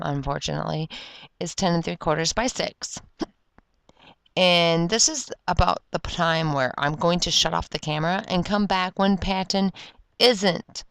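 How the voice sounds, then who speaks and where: Hiccuping as she goes, a scrapbooking video creator from Florida rambles casually through a tutorial at her craft table and keeps correcting herself. She has a deep voice with vocal fry and a clean tone, with no room sound.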